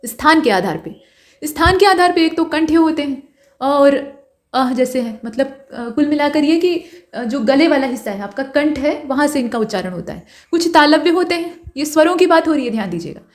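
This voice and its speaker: A woman with a high, light voice teaches an online exam-prep grammar class. She explains patiently and keeps checking that her students follow. She slows down to sound out each vowel and letter as an example. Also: lively intonation.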